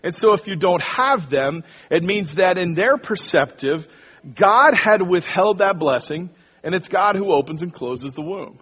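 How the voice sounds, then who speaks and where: This male preacher has a high, expressive voice that is a little slow and a bit bright, with a breathy edge. He addresses his congregation casually during the sermon, captured in dull lo-fi audio with a long hall reverb.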